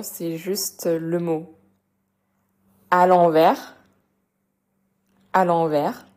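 A young woman hosts a relaxed podcast lesson, talking in a chatty way and explaining things slowly. She fills her sentences with small hesitations and repeats herself as she goes. Her voice sits a little low and has a mellow, warm tone. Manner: chatty, many fillers and repetitions, explains slowly. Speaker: French teacher and podcast host.

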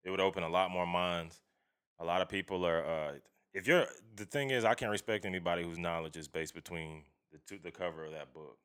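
Casting: man, very low clear voice, emphatic and slangy, swears freely in casual opinionated conversation. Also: brisk, fairly bright tone. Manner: emphatic, slangy, profane, often seeking agreement.

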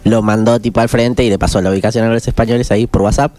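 A man's voice: on the low side, fast. A man with an Argentine Spanish accent co-hosting a podcast, telling stories casually with slang fillers. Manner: relaxed storytelling with slang fillers. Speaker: podcast co-host.

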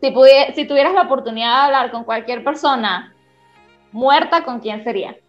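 A young woman with a high voice talks casually, animated and insistent. Her recording is slightly dull and lo-fi, with faint music behind. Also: normal speed. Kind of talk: casual chat.

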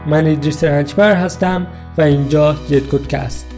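A man hosting a programming podcast, explaining software features in a relaxed, conversational way. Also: on the high side, soft background music. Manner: relaxed explanatory, uses many English tech terms. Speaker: podcast host. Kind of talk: casual tech podcast explanation.

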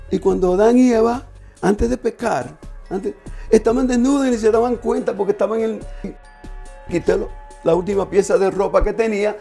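Man, slightly high voice, earnest and halting, giving an emotional personal testimony. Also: gravelly, warm tone. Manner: halting, earnest storytelling with repeated restarts. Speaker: speaker sharing a personal testimony.

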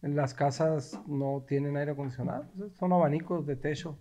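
A man's voice: on the high side, moderate pace, mellow, muffled recording, faint music behind. A young man co-hosting a casual podcast chat, easygoing and laughing along. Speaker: podcast co-host.

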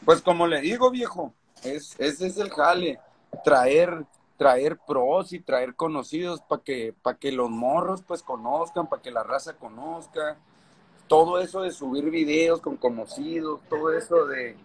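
Higher-pitched northern Mexican man, street slang. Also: unhurried, a little hiss or hum. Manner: street slang, swearing, repeats phrases for emphasis. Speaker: skateboarding event organizer. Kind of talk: casual interview chat.

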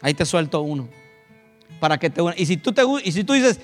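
A man's voice: a little high, big pitch swings, fast. A man preaching a sermon as a pastor, speaking with passion and acting out the people he quotes. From Mexico. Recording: echoey hall with faint guitar music.

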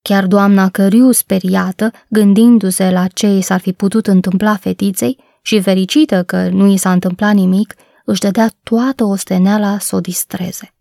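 A woman reads a storybook aloud in a calm, measured way. Her voice is gravelly and mellow. The recording sounds close and dry. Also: medium pitch, dry recording. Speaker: narrator. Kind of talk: audiobook narration.

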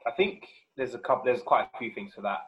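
A man's voice: medium pitch, expressive, fast talker, fairly bright tone, highs cut off. A man talking casually as a fitness podcast guest, explaining things in a chatty, informal way. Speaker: podcast guest, personal trainer. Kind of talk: casual chat.

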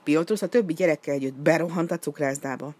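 A woman reading a children's story aloud in an expressive, lively way. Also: deep voice, dry recording.

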